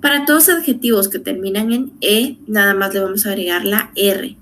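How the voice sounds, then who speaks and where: Female teacher, mid pitch, patient and methodical, faint hiss behind. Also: fairly quick, fairly bright tone. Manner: patient, repeats rules step by step, asks rhetorical questions. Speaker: English teacher. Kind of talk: online grammar lesson.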